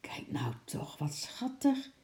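A woman's voice: on the high side, big pitch swings, takes it slowly, mellow, voice pushed up. A woman voicing an eager young girl who loves her pets in a storybook reading. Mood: whispering. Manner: eager, often whispering.

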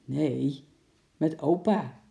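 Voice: mid-range voice, very slow, gravelly, warm tone, full character voice. A reader voicing a cheerful small boy in a children's storybook, chirpy and short-spoken. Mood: blunt. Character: small boy, cheerful, speaks in vague answers. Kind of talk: storybook reading. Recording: echoey room.

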